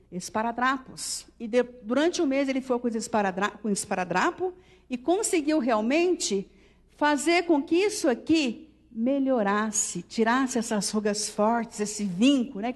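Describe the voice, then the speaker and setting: A woman's voice: fairly high pitch, lively intonation, moderate pace. A woman with a Brazilian Portuguese accent giving a spiritual lecture to an audience, teaching and checking in with tag questions. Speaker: religious lecturer.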